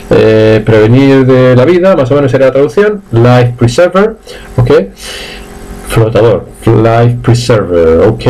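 Lively Spanish man teaching English words. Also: mid-range voice, rough recording. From Spain. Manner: switches between quick Spanish explanations and slow drawn-out English words. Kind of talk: live online English lesson.

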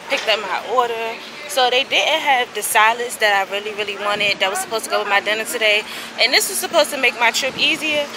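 Chatty woman vlogging, y'all-heavy. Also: fairly high pitch. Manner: chatty, addresses viewers as y'all. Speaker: lifestyle vlogger. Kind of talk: casual vlog talk to camera. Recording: noisy outdoor camera audio.

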